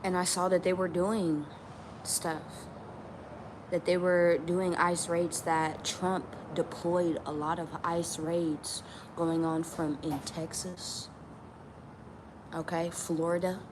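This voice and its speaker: A woman from New Mexico talks straight to camera in a casual vlog, pressing her points by repeating them and swearing now and then. Her voice sits on the lower side. A steady wash of background noise runs under the recording. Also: slow pace. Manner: emphatic, repeats lines, swears. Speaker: tarot channel vlogger.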